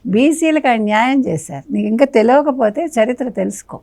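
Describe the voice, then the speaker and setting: A woman's voice: a little high, expressive, fairly quick, vocal fry, darkish tone. A woman guest on a political talk show, scolding and firing off rhetorical questions, now and then slipping English phrases into her speech.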